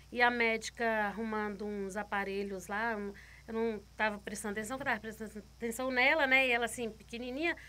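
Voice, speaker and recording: Guest woman, testimony storyteller: bright, sharp tone, a touch high, vivid and repetitive retelling. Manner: vivid retelling, repeating words, voicing others' lines. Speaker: guest giving a faith testimony.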